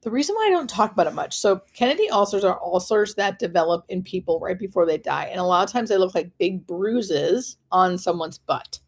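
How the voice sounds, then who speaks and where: A woman's voice: fairly low pitch, animated, brisk, few pauses. American woman, conversational hospice nurse. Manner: conversational, explanatory, stop-and-start phrasing with emphatic repetition. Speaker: hospice nurse answering live viewer questions. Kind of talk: casual live-stream Q&A.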